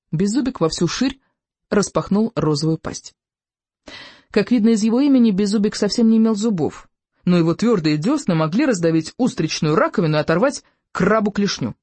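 An audiobook narrator reading a children's adventure story in an expressive, animated way. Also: medium pitch, slightly rough, no room sound. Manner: lively, animated.

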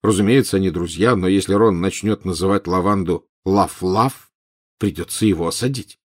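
A man reads a novel aloud in a fairly low voice. His narration is measured and expressive, and it moves the scene along steadily. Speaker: audiobook narrator. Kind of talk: scripted narration.

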